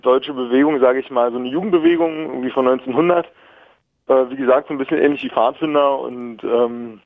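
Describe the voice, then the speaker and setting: A man's voice: mid-range voice, no room sound. A man in his twenties from Berlin calling in to a radio show, talking in a rambling way with many fillers and easy laughs. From Berlin, Germany. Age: 20s. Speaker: caller. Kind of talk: casual phone-in chat. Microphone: telephone. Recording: tinny phone line, dry.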